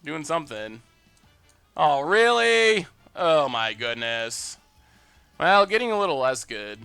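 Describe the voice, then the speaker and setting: This card-game streamer's voice is fairly high and sing-song, slow, gravelly, bright and forceful, yet clean in tone. He chats upbeat with viewers, reading and replying to their messages while commentating his plays live. There's no echo, just soft background music.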